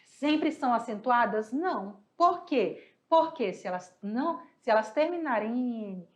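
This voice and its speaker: A Brazilian woman teaching a class, a little hoarse, patiently asking questions and answering them herself. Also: a little high, animated, unhurried. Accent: Brazilian Portuguese. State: slightly hoarse, coughing. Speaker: Spanish teacher. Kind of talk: online class explaining exercises.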